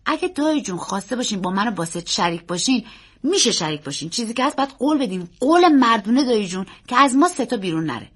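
A woman's voice: on the high side, breathy edge, pitched above the performer's own voice, exaggerated voice. A woman voicing an earnest, secretive young boy who talks in an urgent, pleading way. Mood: eager. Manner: urgent, pleading, quick and excited.

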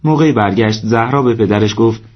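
A man reading a story aloud as narrator, steady and measured. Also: on the low side, muffled recording. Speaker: audiobook narrator. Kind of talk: scripted narration.

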